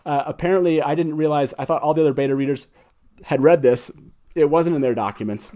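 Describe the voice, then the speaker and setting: Speaking at a quick pace with a warm, fairly high voice, an effusive man in his forties hosts a casual livestream chat. He's enthusiastic, close to a boom-arm studio mic in a small wood-panelled studio.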